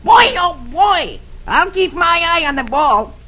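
A man's voice: extremely high pitch, big pitch swings, measured pace, sharp tone, pitched above the performer's own voice, exaggerated voice. A man doing a chirpy young boy nephew. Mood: excited. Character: eager young boy nephew, cheerful golf helper.

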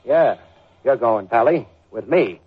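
A man's voice: mid-range voice, lively intonation, slow, breathy edge. An actor playing a tough, sardonic, wisecracking male private detective in slangy 1940s radio drama style. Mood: menacing. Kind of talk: 1940s hardboiled radio acting and narration. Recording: dull lo-fi old radio recording.

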